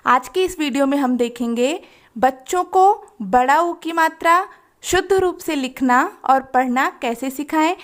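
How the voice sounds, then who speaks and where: A woman teaching a lesson, sounding out syllables slowly and clearly. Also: high voice. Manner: slow, clearly spelled-out syllables. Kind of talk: slow instructional lesson.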